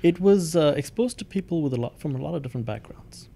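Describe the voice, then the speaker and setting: Gravelly man, thoughtful with many ums. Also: on the high side, animated, fast, dark tone. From India. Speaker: company founder and CEO, guest. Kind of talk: interview answers.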